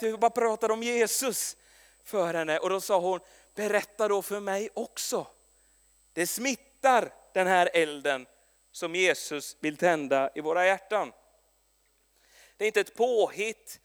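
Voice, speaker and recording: A man preaching a sermon with a notably high voice, telling stories in a lively way and often restarting his sentences. His words ring with the long reverb of a large hall. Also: smooth. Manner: lively storytelling with frequent restarts and stumbles.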